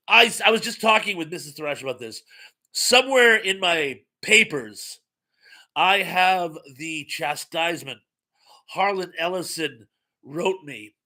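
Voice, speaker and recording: Reading his viewers' comments aloud on a casual stream, a man rambles and adds wry remarks while his voice grows tired and starts to fail. It's a little high, pushed, and bright.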